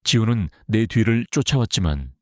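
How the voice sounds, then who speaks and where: A man giving scripted first-person narration for an audiobook, in an even, measured way. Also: lowish voice, no room sound, studio quality.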